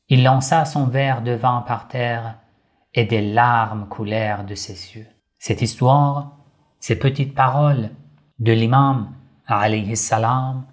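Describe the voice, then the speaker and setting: A man slowly narrating a religious story for children, addressing young listeners gently and deliberately. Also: medium pitch.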